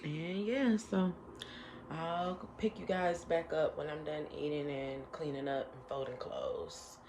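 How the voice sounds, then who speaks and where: A woman's voice: sits low, lively intonation, slow, darkish tone, slight background noise. A woman vlogging casually to camera, talking directly to her viewers in a chatty way. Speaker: mom vlogger. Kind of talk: casual vlog talk to camera.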